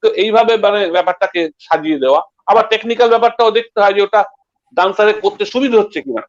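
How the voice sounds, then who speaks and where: Man, tabla teacher, halting talk, rhythmic syllable recitation, dull lo-fi sound. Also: sits high. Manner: slow, halting, mixes English and Bengali, recites bols rhythmically. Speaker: tabla guru. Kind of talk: casual explanation with spoken tabla syllables. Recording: slightly dull lo-fi audio.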